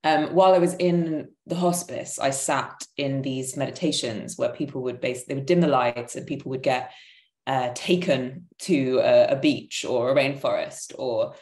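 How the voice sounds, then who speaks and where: Her voice is extremely low and darkish, moving at a moderate pace. A theatre maker in her thirties, she thinks aloud emphatically and searchingly as a panelist, giving a reflective conversational explanation over a video call from a room at home, where the audio sounds roomy and echoing.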